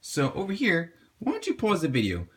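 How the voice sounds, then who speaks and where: A man teaching a homework help lesson, patiently walking viewers through a math problem and encouraging them to pause and work along. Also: on the high side, huge pitch swings, slightly rough.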